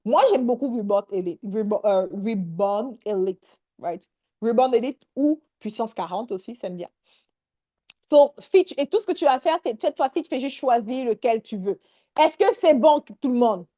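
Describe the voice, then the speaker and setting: A woman leading a live online workshop, energetic and sprinkling English words into her talk. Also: fairly high pitch, moderate pace, highs cut off.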